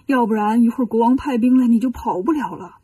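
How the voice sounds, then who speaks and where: Frightened male monks from a storybook read aloud plead and fret, played by a woman. Their voice is mellow and breathy. It is a touch high-pitched and sits a bit back from the microphone. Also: fast, dry recording, recorded from a distance. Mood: worried pleading. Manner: pleading, worried.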